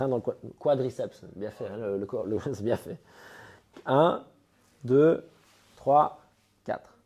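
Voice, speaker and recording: Stuffy-voiced Belgian coach from Liège. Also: male voice, mid-range voice, warm tone, breathy edge. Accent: Belgian French, Liège. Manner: explains step by step, gives direct instructions. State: nasal from a cold. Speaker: CrossFit coach. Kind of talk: coaching a training session. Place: CrossFit gym.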